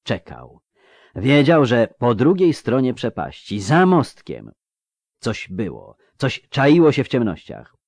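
A man's voice: mid-range voice, huge pitch swings, slow pace, darkish tone, no echo. A man narrating a fantasy audiobook with a tense, suspenseful reading.

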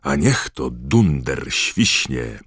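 Grumbling drenched teen boy, loud and exasperated, voiced by a man. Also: very deep voice, sing-song, takes it slowly, husky, no echo, studio quality, full character voice. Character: soaked grumbling teenage schoolboy.

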